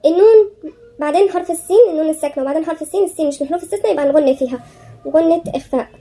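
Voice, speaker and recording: A woman with an Egyptian Arabic accent teaching tajweed. She chants verses slowly, then explains each rule quickly, step by step. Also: very high voice, warm tone. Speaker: Quran recitation teacher. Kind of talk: tajweed lesson.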